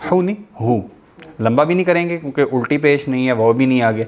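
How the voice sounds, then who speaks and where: A man teaching Quran recitation, correcting pronunciation patiently and modelling words slowly. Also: medium pitch. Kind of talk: correcting pronunciation in an online class.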